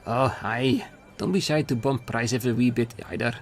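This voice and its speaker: A man's voice: mid-range voice, normal speed, natural voice. A man voicing a brusque middle-aged market trader with a put-on Scottish accent, giving blunt instructions sprinkled with dialect words. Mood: brisk.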